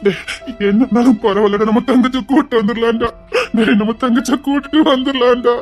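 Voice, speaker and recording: A distraught brother, played by a performer, pleads and repeats himself through tears, with a Tirunelveli Tamil lilt. His voice sits at a middling pitch. Soft music plays behind him. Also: steady tone, fairly quick, natural voice. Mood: pleading. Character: distraught grown brother desperate to bring his sister home. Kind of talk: emotional web-series acting.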